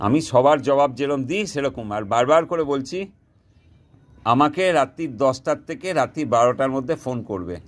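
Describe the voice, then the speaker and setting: A man's voice: mid-range voice, a little fast. A man teaching viewers to make fishing bait in a casual vlog, recorded outdoors, talking in a repetitive, insistent way and sliding into broken Hindi. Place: outdoors, sky darkening before rain.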